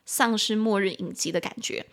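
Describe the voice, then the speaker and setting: A woman with a Taiwanese Mandarin accent hosts a casual podcast lesson on English. She talks in a chatty way, spells words out slowly and corrects herself as she goes. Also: medium pitch, vocal fry, a bit bright. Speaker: podcast host teaching English.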